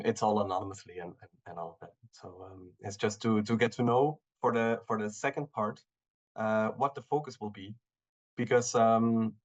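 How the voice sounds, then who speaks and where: A man in his thirties from Belgium, giving a relaxed talk over a video call, with many fillers and restarts. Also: lowish voice, highs cut off. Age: 30s. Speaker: guest speaker.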